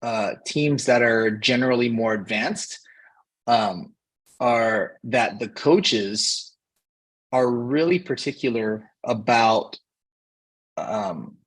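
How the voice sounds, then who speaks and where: Cheer coach guest from Hawaii, male, 30s, slightly raspy voice, measured and pausing. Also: medium pitch, poor audio. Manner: unhurried, pausing often to find words. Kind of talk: casual interview talk.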